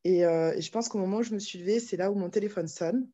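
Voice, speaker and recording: A woman's voice: mid-range voice, fast, mellow. A young woman telling the story of her second child's birth at home in a chatty, casual way, often laughing and restarting her sentences. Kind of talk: casual spoken testimony. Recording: slightly dull lo-fi sound.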